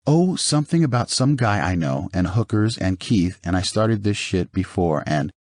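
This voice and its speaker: A man's voice: fairly low pitch, animated, moderate pace, a little mellow, no room sound, natural voice. A man voicing a frightened woman who pleads on an emergency call, on the verge of sobbing. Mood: shaken. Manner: pleading, breaking into sobs.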